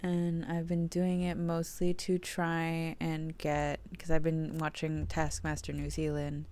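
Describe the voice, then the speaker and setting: A young adult woman streaming a puzzle game, murmuring her thoughts aloud and cooing softly to her cat between moves. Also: sits low, monotone, unhurried. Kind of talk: casual gameplay chat.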